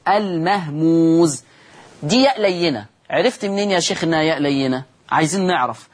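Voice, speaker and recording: Husky Egyptian sheikh teaching recitation. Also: male voice, fairly high pitch, animated, rapid-fire. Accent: Egyptian Arabic. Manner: explains rules step by step, asks and answers his own questions. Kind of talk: televised Quran recitation lesson.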